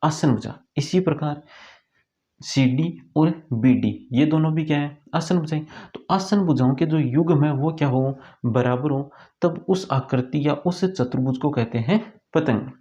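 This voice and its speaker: A male teacher explains geometry step by step, posing a question and then answering it himself. His voice sits a little high and has a mellow, dark tone. The recording is dull and lo-fi. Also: a little slow. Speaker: math teacher. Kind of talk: classroom lesson explanation.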